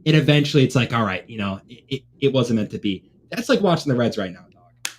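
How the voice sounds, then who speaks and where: A young man hosts a casual sports live stream in an easygoing frat-bro style. His talk is full of slangy bro and dude, pitched in an ordinary male range. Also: very animated, fast, slight background noise. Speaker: sports watch party host.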